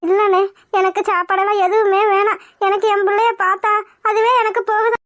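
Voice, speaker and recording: Woman doing a tearful cartoon village mother, pleading and sobbing, very high voice. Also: level tone, a little fast, fairly bright tone, no room sound, clean studio sound. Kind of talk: cartoon voice acting.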